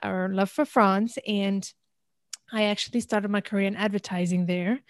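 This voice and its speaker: A business consultant in her thirties, originally from Algeria and raised across many countries, tells her story as an interview guest. Her medium-pitched voice stays steady at a moderate pace, yet she speaks conversationally and with animation, with no room sound in the recording.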